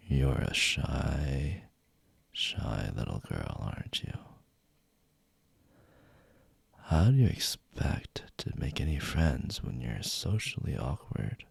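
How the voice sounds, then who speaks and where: Casting: male actor as taunting young bully for whispered role-play; very husky, slow-paced, gravelly, teasing and intimate delivery. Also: extremely low pitch, a little mellow, dry recording, exaggerated voice. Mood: mocking, condescending.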